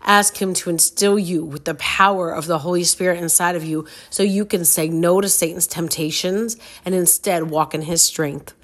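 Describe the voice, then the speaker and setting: A woman hosting a devotional podcast, talking in an upbeat, chatty way, her voice rough from a cold. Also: lowish voice, steady tone, moderate pace, hardly any pauses. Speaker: podcast host. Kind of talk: casual devotional podcast talk.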